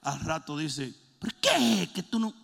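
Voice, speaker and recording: A man preaching a sermon, joking and shouting in turns. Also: a little high, measured pace, creaky, husky. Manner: animated, jokey, swings between shouting and mimicking. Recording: long hall reverb.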